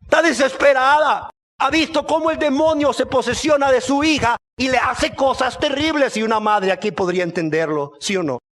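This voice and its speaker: Male preacher, high voice, dramatic sermon, rhetorical questions. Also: normal speed. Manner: dramatic, rhetorical questions, swings from soft to shouting.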